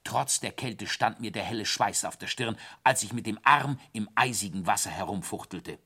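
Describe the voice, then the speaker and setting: A man narrating a children's story in the first person, with animated, dramatic delivery. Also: lowish voice, moderate pace, husky.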